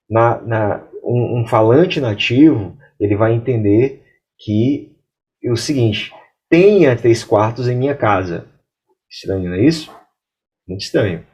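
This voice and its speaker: A man who speaks Brazilian Portuguese teaches English grammar, explaining things clearly and reading the English example sentences slowly. His voice sits lowish, with a darkish tone.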